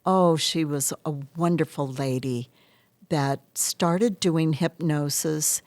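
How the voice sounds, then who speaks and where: Interviewed as a hypnotherapist, a woman with a low, darkish voice answers very unhurriedly. She explains earnestly in measured short phrases, and the recording is dry and close.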